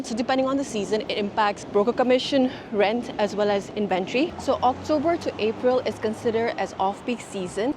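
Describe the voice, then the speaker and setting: A woman's voice: mid-range voice, background noise. A woman, earnestly explaining tips step by step in a casual advice vlog. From Nepal. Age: 30s. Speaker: vlogger.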